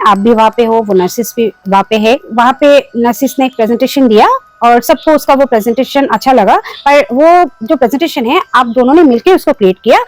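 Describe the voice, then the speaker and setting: Woman giving calm relationship advice. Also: fairly high pitch, no echo, rough recording. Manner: mixes Hindi with English phrases, acts out sample replies. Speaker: self-help video host. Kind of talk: advice talk to camera.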